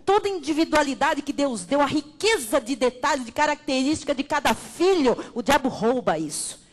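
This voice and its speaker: High-voiced woman preaching. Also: animated, normal speed. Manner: emphatic, addresses listeners as beloved. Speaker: pastor. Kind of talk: Bible study sermon.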